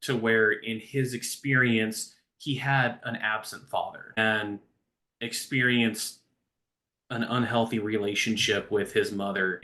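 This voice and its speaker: A man speaking as a recovery-coach guest in a conversational interview, earnest and growing animated as he tells a story. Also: medium pitch.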